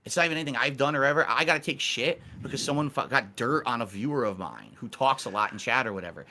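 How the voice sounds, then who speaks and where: Streamer host, man, 40s, bright voice, defensive and emphatic, swears freely. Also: medium pitch, lively intonation, fast, slight background noise. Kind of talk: heated call-in debate.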